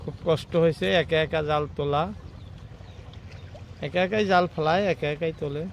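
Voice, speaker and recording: A man talks casually to his viewers from a small boat out on a broad river, pointing things out as he goes. His voice sits a little high for a man. Faint wind and water noise run under the handheld recording. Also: fairly even intonation, moderate pace, vocal fry. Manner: addresses viewers often, points things out as they happen. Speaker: fishing vlogger filming from a boat. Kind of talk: casual live commentary to viewers. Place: small wooden boat on a wide river, outdoors.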